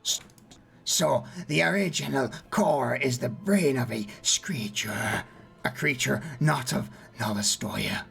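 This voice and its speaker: A man voicing a sinister old coroner in a tabletop game, with a breathy, whispery voice and a slow, halting, dry clinical delivery. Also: mid-range voice, fairly bright tone, soft background music, full character voice. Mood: cold, measured.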